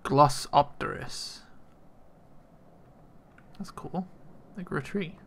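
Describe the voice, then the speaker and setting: Creaky-voiced man playing a game. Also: medium pitch, moderate pace, sharp tone, slight background noise. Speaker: game player. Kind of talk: let's play commentary.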